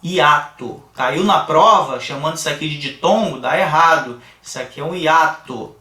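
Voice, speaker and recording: Brazilian teacher, bright voice in an echoey room. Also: male voice, on the high side, distant mic. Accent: Brazilian Portuguese. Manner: explains slowly, asks the class rhetorical questions. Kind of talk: recorded grammar lesson. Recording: echoey room, voice a bit off-mic.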